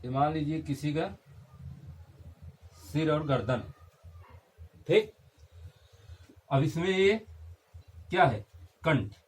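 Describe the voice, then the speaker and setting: A man's voice: fairly high pitch, lively intonation, slow, pauses often. A young man teaching a Hindi grammar lesson, repeating key terms and checking in with his class.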